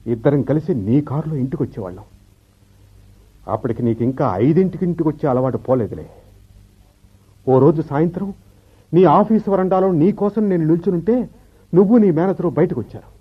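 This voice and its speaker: A bitter, brooding husband in an old radio show, speaking in a husky, slightly high voice that rises and falls widely. The sound is dull and lo-fi, like a vintage radio broadcast. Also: male voice, lively intonation. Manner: slow, reproachful, reflective speech. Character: bitter middle-aged husband, a clerk left behind. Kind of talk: 1970s radio drama acting.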